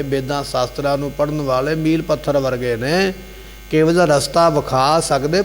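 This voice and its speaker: Male preacher, somewhat high voice, explains scripture in short repeating phrases, long hall echo, faint hum. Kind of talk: devotional scripture exposition. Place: gurdwara hall.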